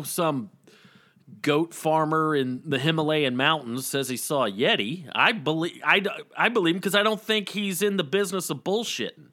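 A man's voice: a little high, bright, forceful tone. A man from the States, co-hosting a podcast in easygoing casual chat with plenty of hesitant fillers. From Southern United States. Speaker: podcast co-host.

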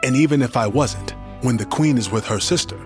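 A man voicing a dutiful middle-aged army general who speaks in a measured, formal way in an audio drama. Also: mid-range voice, lightly acted. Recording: studio audio drama with music.

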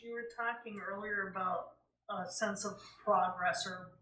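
Distant flat-voiced woman asking a question. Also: mid-range voice, unhurried. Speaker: audience member asking a question. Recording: roomy, distant from the mic, faint noise.

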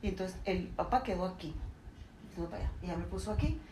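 A woman with a Mexican accent, a guest on a home podcast, telling her story in an animated way and acting out what people said. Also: fairly low pitch, fast. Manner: animated storyteller who acts out the dialogue. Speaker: guest, the host's aunt. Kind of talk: casual storytelling. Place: living room at home. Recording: echoey room, distant mic, noisy.

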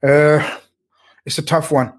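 A man's voice: on the high side, little pitch movement, slow. Hesitant man giving football punditry. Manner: hesitant, repeats words while weighing his view. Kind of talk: casual sports discussion.

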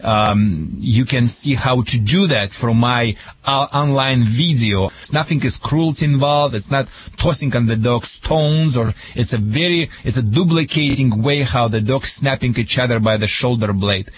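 A man's voice: medium pitch, unhurried, hardly any pauses. Male radio advice-giver, Russian accent. Emphatic, joking delivery, broken grammar, faint hiss behind the voice. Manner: emphatic, joking, non-native grammar with dropped articles. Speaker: dog trainer giving advice on a radio show. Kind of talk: spontaneous call-in radio advice.

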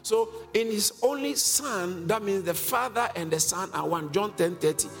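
A man with a high, gravelly, somewhat bright voice preaches at normal speed with lively intonation, teaching from scripture. He speaks emphatically, asks his congregation questions, and chuckles often, in a reverberant hall where faint music plays.

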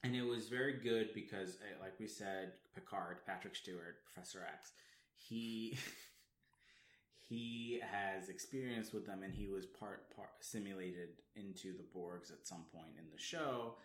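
A man's voice: deep voice, unhurried. A man co-hosting a casual chat, explaining at length with plenty of ums and restarts. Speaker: podcast co-host. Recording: roomy echo.

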